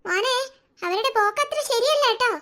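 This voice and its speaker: A woman's voice: very high voice, lively intonation, fairly quick, sharp tone, full character voice. A woman voicing a teasing young male sidekick in a cartoon, doubtful of his friend's plans. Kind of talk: cartoon voice acting.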